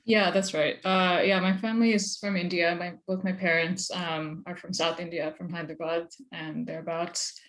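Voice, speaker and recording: A young American woman speaks as a guest on an interview podcast, her voice a little low for a woman. She talks conversationally and thoughtfully, often using like and you know as she works through her answers. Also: level tone, moderate pace, fairly bright tone. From United States. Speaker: journalist guest. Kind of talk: casual interview.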